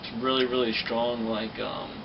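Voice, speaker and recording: A man's voice: medium pitch, steady tone, normal speed, vocal fry, dull audio, background noise. A young man, a guest on the show, tells casual stories in slangy, profane talk full of fillers. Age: young adult. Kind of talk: casual storytelling. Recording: distant mic with music behind.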